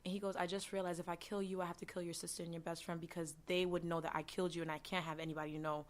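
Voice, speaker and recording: Quiet, hesitant woman with a low voice. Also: flat delivery, rapid-fire. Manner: quiet and hesitant, with many restarts. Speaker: panel guest. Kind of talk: personal testimony.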